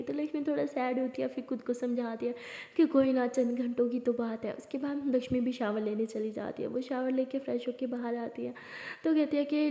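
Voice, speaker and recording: A woman's voice: fairly high pitch, mellow. Woman narrating in an echoey hall. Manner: conversational, plain retelling. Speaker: storyteller. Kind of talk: storytelling narration. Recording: roomy hall reverb.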